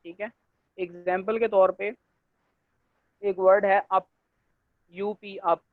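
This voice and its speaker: A male lecturer gives an online class, explaining step by step, checking in with students and filling pauses with stock phrases. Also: high voice, level tone, no echo. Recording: dry, tinny phone-like line.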